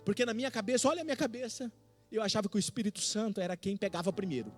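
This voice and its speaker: Middle-aged Brazilian male pastor, very high and animated voice, dramatic testimony sermon with soft church music behind. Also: rapid-fire. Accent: Brazilian Portuguese. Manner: dramatic, swinging from hushed to shouting.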